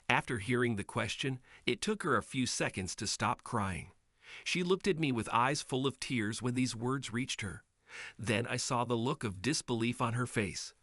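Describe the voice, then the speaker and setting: Male storyteller, measured scripted narration, dry close recording. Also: medium pitch, fairly bright tone, no room sound. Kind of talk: scripted first-person storytelling.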